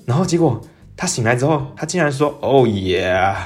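Young man, casual podcast storytelling, lively swings in pitch, faint music behind. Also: quick pace. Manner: animated, jumps up in pitch when excited, mixes in English phrases. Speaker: podcast host.

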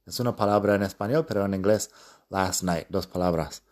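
A man hosting a learning podcast, speaking Spanish with as his language, calmly explaining and repeating example phrases. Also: low-pitched, a little fast. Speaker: podcast host and English teacher. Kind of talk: casual podcast lesson.

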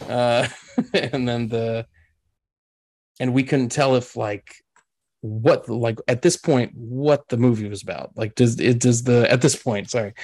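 A man's voice: mid-range voice, darkish tone. Rambling man recapping a movie. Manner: rambling, filler-heavy, laughs often. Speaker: podcast host. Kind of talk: casual chat recapping a film.

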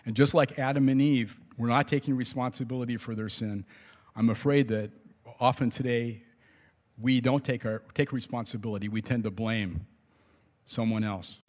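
A man's voice: medium pitch, steady tone, moderate pace, darkish tone. A man preaching a sermon in a conversational way, with restarts and small laughs. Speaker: pastor. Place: church sanctuary. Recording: long hall reverb.

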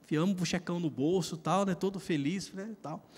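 A man's voice: sits high, a little fast, darkish tone, husky. A Brazilian man preaching a sermon, telling a personal story in a casual, slangy way. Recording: long reverb of a large hall.

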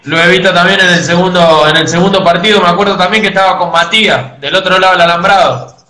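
High, bright-voiced joking Uruguayan man. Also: fairly even intonation, fast, echoey room, a little hiss or hum. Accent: Uruguayan Spanish. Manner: jokey, boastful storyteller. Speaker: guest footballer. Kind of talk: casual live-stream interview.

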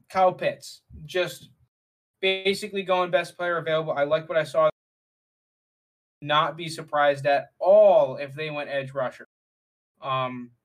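A man co-hosting a casual sports talk show, relaxed and using many fillers. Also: on the high side. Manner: relaxed, filler-heavy, leads the segments. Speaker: podcast co-host. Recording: voice distant from the mic.

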